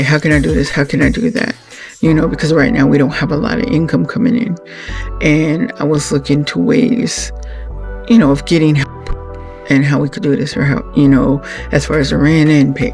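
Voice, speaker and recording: A woman with a gravelly, creaky voice talks straight to her viewers in a heartfelt thank-you. She speaks earnestly and with faith, often pausing and starting her sentences over. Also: low voice, a little mellow. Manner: earnest and religious, halting with many fillers and restarts. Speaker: channel host, wife of the late channel owner.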